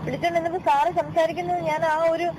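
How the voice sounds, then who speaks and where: On a noisy phone line with vehicle sounds, a woman caller argues insistently, her very high-pitched voice racing with little pitch movement. She repeats phrases in a pleading complaint during the tense conversation.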